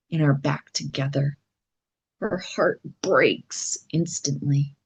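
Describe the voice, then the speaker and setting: Slow, breathy woman narrating a story. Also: lowish voice. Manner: calm, deliberate storytelling, some lines near a whisper. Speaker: English teacher.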